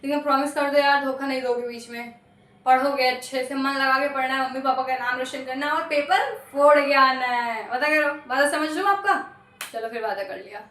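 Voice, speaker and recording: Young female tutor, high voice, friendly coaxing patter, recorded in an echoey room. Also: fairly quick, fairly bright tone. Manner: chatty, coaxing, repeats promises and guarantees. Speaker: maths teacher. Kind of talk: casual online lesson.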